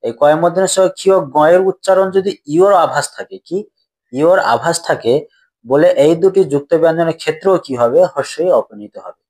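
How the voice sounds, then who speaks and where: A man with a voice pitched a little above the usual talks through a grammar lesson, step by step. He keeps putting questions to his students and answering them himself, going over each point twice. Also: fast talker, darkish tone. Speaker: teacher.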